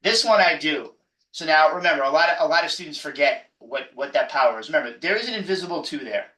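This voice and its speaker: A man's voice: on the high side, lively intonation, quick pace, pushed and bright. A man professor giving an exam review lecture, emphatic and jokey, often repeating himself. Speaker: math professor. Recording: echoey room, mic far off.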